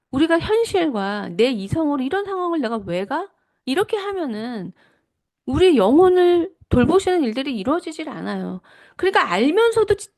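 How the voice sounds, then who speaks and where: A middle-aged woman speaks in a fairly high voice with a lively, rising and falling melody. She delivers a devotional teaching talk with earnest personal testimony. She often pauses to rephrase herself as she reflects. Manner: reflective, with frequent self-corrections.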